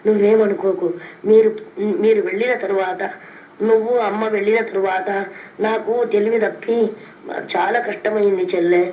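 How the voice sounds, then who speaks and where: A woman's voice: mid-range voice, fairly even intonation, moderate pace, long pauses, dark tone. A woman spiritual teacher, giving fervent devotional blessings and repeating phrases over and over. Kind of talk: devotional blessing, repetitive chanting. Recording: echoey room with faint background noise.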